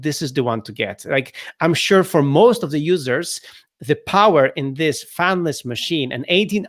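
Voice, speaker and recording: Guest: man, Polish accent, enthusiastic, chatty, slightly high voice. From Poland. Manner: excitable, lots of fillers and restarts, laughs often. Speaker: guest, company CEO. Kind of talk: casual chat.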